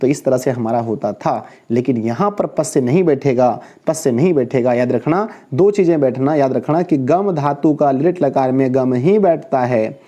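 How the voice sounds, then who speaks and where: Mellow-voiced man chanting grammar drills. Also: medium pitch, moderate pace, hardly any pauses, dull audio. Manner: chants verb forms in rhythmic lists, quizzes viewers; corrects his own slips on the spot. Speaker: Sanskrit teacher. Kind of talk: online class lecture.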